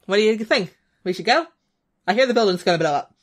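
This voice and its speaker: A woman's voice: mid-range voice, animated, fast. A woman playing a tabletop game, blunt, playful and swearing freely. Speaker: player. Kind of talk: casual tabletop play.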